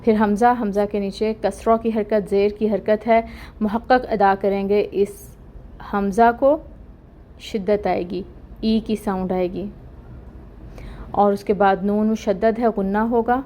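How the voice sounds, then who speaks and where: A woman teaching an online Quran recitation lesson, explaining each rule slowly and deliberately and stretching out the recited words. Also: medium pitch, steady tone, warm tone, a little hiss or hum.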